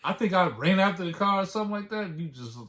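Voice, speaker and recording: A man's voice: sits high, lively intonation, quick pace. A husband chatting casually with his wife, playful and acting out his own reactions. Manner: playful, mimics himself in loud bursts. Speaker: co-host, husband. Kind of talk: casual chat.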